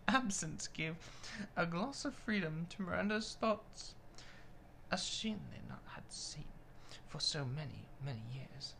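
Someone reading a romance novel aloud at a steady pace, with the occasional remark about the text. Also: mid-range voice, vocal fry, a little hiss or hum, low-quality recording.

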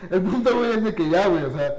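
A man's voice: sits high, animated, quick pace, reverberant, a loud crowd, rough recording. A young man with a Mexican accent telling a breakup story in slangy, laughing casual chat with friends. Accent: Mexican Spanish. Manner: slangy, laughs often, tells stories. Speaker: podcast co-host.

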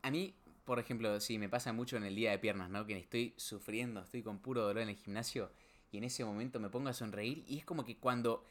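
A young man with a Rioplatense Spanish accent co-hosting a podcast in casual chat, talking animatedly and getting loud when he acts out his own words, recorded over a video call. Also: lowish voice, fast talker. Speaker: podcast co-host.

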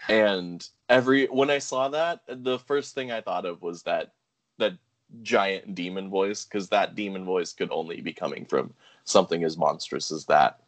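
A man co-hosting a podcast in casual chat, animated and enthusiastic, often laughing. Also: low voice, moderate pace. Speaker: podcast co-host.

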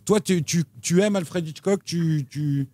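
A man co-hosting a casual chat show about TV and streaming picks, talking in an animated way with lively jumps in pitch. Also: measured pace, crowd noise. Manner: animated, lively pitch swings, frequent restarts. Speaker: co-host recommending TV shows.

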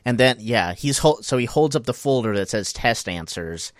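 A man co-hosting a podcast who tells the plot of an episode in lively, casual storytelling. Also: medium pitch, moderate pace, dry recording, clean studio sound. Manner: animated storytelling with laughs. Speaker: podcast co-host. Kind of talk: casual recap chat.

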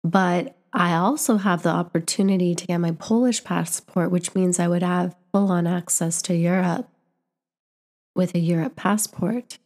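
A young woman from Canada, a teacher who vlogs, speaks to camera at a measured pace in a steady, darkish voice on the low side. Earnest and reflective, she often restarts and repeats words as she searches for her thoughts.

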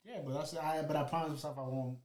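A man's voice: on the high side, quick pace, roomy sound. A man hosting a podcast in casual chat, acting out quotes as he tells stories. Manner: animated storyteller, acts out quotes. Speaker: podcast host.

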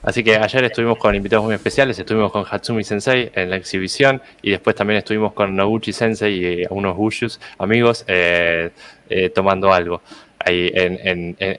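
A man's voice: on the low side, steady tone, fast talker, a bit bright, clear, resonant tone. A man who is a native Spanish speaker, hosting an interview podcast politely. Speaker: podcast host.

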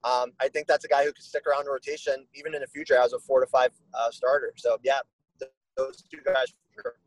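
A man's voice: medium pitch, little pitch movement, fast, no room sound, low-quality recording. A man talking as a guest in a casual podcast chat, rambling with lots of "you know" fillers.

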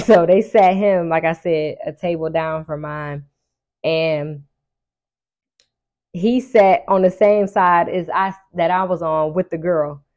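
Woman with a lowish voice telling stories casually. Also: takes it slowly. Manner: colloquial, animated retelling with acted-out dialogue. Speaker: storyteller addressing her audience. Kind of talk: casual storytime chat.

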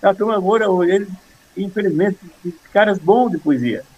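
An older man in casual conversation, earnestly explaining poetry and reciting verse with a steady rhythm. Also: high voice, normal speed, highs cut off, a little hiss or hum. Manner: earnest, rhythmic when reciting, many restarts. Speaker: poet guest.

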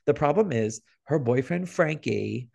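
A man co-hosting a podcast, telling gossipy stories in an animated, casual way. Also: medium pitch, a little slow, creaky, slightly rough. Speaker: podcast co-host.

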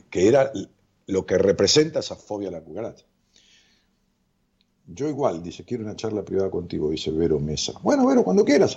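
Un psicólogo de acento rioplatense, con voz grave, oscura y ronca, conduce una transmisión en vivo y lee los comentarios de su audiencia. Habla de forma animada, relajada y bromista, divagando y llenando todo de muletillas, con un audio opaco y de baja fidelidad.

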